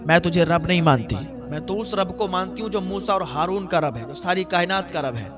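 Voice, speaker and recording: A man's voice: high voice, over music, close to an everyday voice. A male preacher voicing a devout maidservant who firmly refuses and stays steadfast. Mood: firm defiance. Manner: firm, steadfast. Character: devout, defiant maidservant woman.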